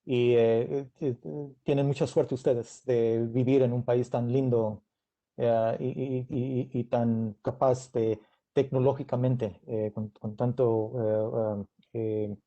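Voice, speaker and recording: Halting American-accented man, very dark voice. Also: medium pitch, steady tone, lo-fi sound. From Mexican-American. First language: English. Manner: halting, searching for words in non-native Spanish. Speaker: guest speaker, engineer. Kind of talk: informal question-and-answer at a technical talk.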